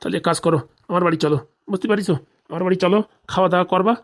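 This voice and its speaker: Speaking rapid-fire in a high register with fairly even intonation, a man plays a forty-year-old jilted husband from a village in a comedy cartoon. The character is indignant and scheming, muttering complaints and curses in down-home colloquial language.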